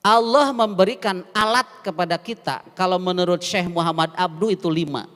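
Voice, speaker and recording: A man's voice: high voice, moderate pace. A man with a Sundanese accent preaching a mosque sermon, often asking the congregation questions as he teaches. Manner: lively, asks the congregation questions and mixes languages. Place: mosque hall. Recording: echoey mosque hall.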